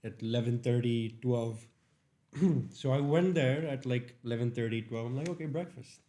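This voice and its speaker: Mellow easygoing young man from India. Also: normal speed. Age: young adult. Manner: easygoing, low-key, animated when telling a story. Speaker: guest, international student. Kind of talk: casual podcast chat.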